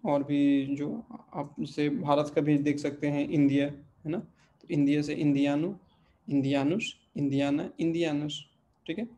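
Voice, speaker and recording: Male language teacher, patient and repetitive, drills word endings, mellow tone. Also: fairly high pitch. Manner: patient, repeats word forms slowly, checks in with "ठीक है". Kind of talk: online language lesson.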